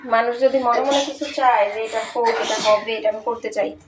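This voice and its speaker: A home cooking vlogger, a woman in her thirties with a Bangladeshi accent, chats casually while cooking in her home kitchen. Her fairly high voice keeps a steady tone as she tells stories in a chatty, unhurried way. The recording is echoey, with a distant mic and background noise.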